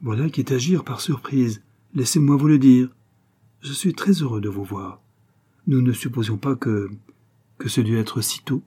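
A man reading the part of a composed young gentleman who speaks frankly and tries to make peace. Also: mid-range voice, moderate pace, husky, close to an everyday voice. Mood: earnest. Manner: frank and conciliatory.

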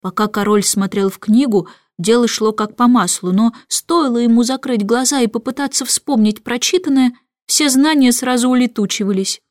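A woman's voice: a little high, normal speed, few pauses, a little mellow, dry recording, clean studio sound. A woman narrating a storybook expressively, giving each character a voice. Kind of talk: storybook reading.

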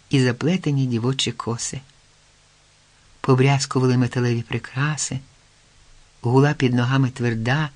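An audiobook narrator with a medium-pitched voice reads a historical folk tale aloud from a script, telling it in a measured yet expressive way.

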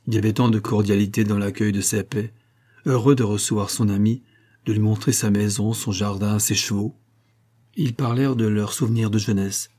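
A male narrator reading a classic novel aloud in a measured, even storytelling voice. His tone is low and dark, with a mellow warmth and a husky grain. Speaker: audiobook narrator.

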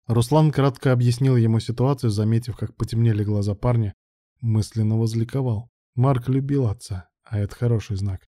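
Male audiobook narrator; steady and measured, very dark tone, dry close mic. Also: medium pitch, no room sound.

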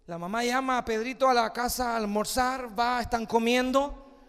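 High pitched guy preaching, big hall echo, drops to a hush then shouts, does the story voices. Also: normal speed, gravelly, clean tone. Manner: acts out story voices, swings from soft to shouting. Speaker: pastor. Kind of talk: sermon with storytelling.

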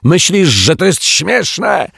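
A man doing a grumpy shouting lodger. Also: low-pitched, expressive, slow, dry recording, studio quality, full character voice. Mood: yelling. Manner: shouting, snarling, indignant. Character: grumpy lazy male lodger, lying, quick-tempered.

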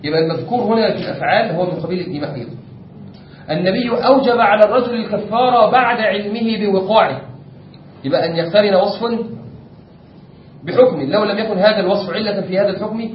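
Speaking quickly but with long pauses, a high-voiced Egyptian man lectures on Islamic jurisprudence, breaking it down step by step and often checking that the class is following. The recording comes from a distant lo-fi mic in an echoey room, with faint noise.

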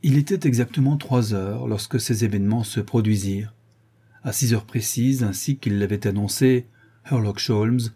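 Husky, mellow male audiobook narrator. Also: lowish voice. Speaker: audiobook reader.

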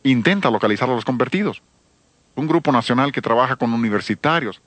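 A man's voice: medium pitch, animated, quick pace, a bit bright, no room sound. A man giving an emphatic sermon-style seminar talk on church music, addressing listeners with rhetorical questions.

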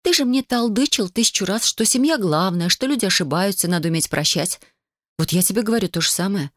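A man voicing a sharp, defiant young wife who speaks with sarcasm and accusation in an audiobook. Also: mid-range voice, lively intonation, fairly quick, no echo, clean studio sound, pitched above the performer's own voice. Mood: sarcastic, accusing. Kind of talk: audiobook character voice.

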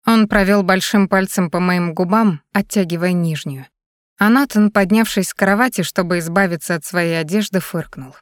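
A woman narrating an erotic novel in the first person, with an unhurried, intimate reading. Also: lowish voice, dry recording, clean studio sound. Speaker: audiobook narrator.

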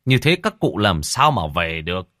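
A calm, knowing old geomancer speaks slowly in a low voice, as a male narrator acts him out. He lectures with steady authority in a storybook reading. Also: no room sound, clean studio sound, exaggerated voice. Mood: explaining. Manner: slow, lecturing.

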